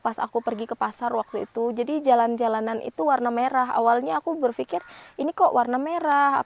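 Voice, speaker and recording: A woman's voice: on the high side, darkish tone. A young woman from Indonesia chatting casually to camera as a vlogger, with frequent fillers and tag phrases. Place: home.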